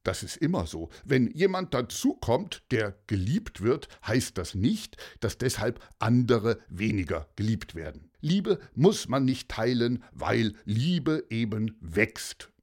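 A man voicing a kindly, calm police inspector in a children's story, explaining things patiently to a child. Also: medium pitch, slow pace, few pauses, husky, full character voice. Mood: warm. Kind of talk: storybook voice acting.

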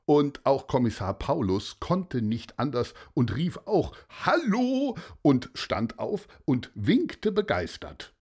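Man reading a children's story, slow, husky, lively intonation, gentle. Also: medium pitch. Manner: gentle, explaining, repeats small words.

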